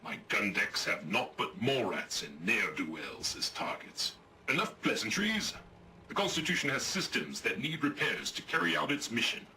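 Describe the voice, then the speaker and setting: An actor playing a pompous, old-fashioned robot naval captain in a video game, with theatrical gentlemanly diction. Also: male voice, mid-range voice, normal speed, slight background noise, heavily acted. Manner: grandiose, lively commanding delivery. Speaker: ship's captain.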